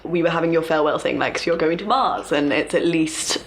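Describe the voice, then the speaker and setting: A woman's voice: low voice, a little fast, a little hiss or hum. A young woman co-hosting a casual chat, talking in a musing, hesitant way. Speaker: podcast co-host.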